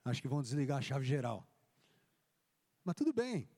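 With a mid-range voice at a moderate pace, a male pastor shares his testimony during a church service. He performs the dialogue as he tells the story, full of animation. Long reverb from the church hall hangs on every word.

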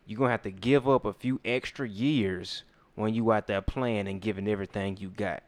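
Solemn mystical old wizard, as a man puts him on, low voice, deadpan. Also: moderate pace, dry recording, close to an everyday voice.

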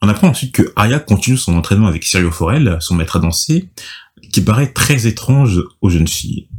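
A man's voice: fairly low pitch, lively intonation, brisk. A young man hosting a casual book discussion, summarizing chapters with many fillers and restarts. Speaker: podcast host reading and discussing a novel. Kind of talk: casual chat with read-aloud summary.

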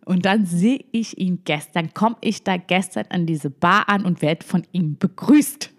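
A woman telling a story in casual chat, animated and acting out the dialogue in playful voices. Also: lowish voice, measured pace.

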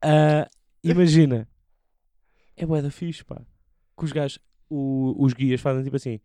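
A man's voice: mid-range voice, fairly even intonation, unhurried, mellow, clean tone, dry recording. A man co-hosting a podcast, bantering casually and arguing with plenty of swearing. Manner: argumentative, sweary. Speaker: podcast co-host. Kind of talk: casual banter among friends.

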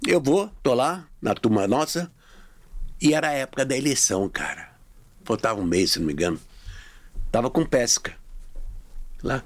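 Man, middle-aged, lively storyteller, acts out voices, wide pitch swings, dry close sound. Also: normal speed, long pauses, dry recording. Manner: animated, acts out dialogue with shifting voices. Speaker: podcast guest. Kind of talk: casual storytelling.

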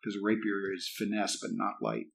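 A man playing a tabletop game, asking rules questions in an easygoing, fairly quiet way. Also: on the low side, big pitch swings, fairly quick, gravelly. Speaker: player. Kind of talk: casual tabletop game chat.

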